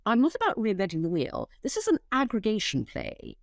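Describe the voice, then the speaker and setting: A middle-aged woman talks with a lively, swooping pitch, sounding emphatic and blunt as she makes her case. She swears freely and trips over restarts when she gets going. The sound is dry and close, with little room echo. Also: fairly quick. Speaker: interview guest, company founder. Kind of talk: animated interview talk.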